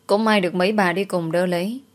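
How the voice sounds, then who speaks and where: A woman's voice: fairly low pitch, steady tone, fast talker. Woman narrating a romance story.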